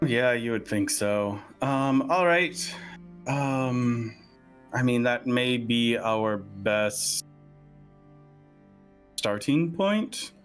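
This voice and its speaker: A man playing a tabletop role-playing game, talking casually in character in a deliberate, hesitant way. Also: mid-range voice, expressive, faint music behind.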